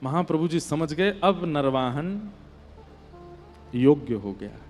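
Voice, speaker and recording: A man telling a devotional story in a sermon, emotive, his voice swelling louder on devotional lines. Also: fairly high pitch, expressive, slow pace, soft background music. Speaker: Bhagavat storyteller. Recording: long hall reverb.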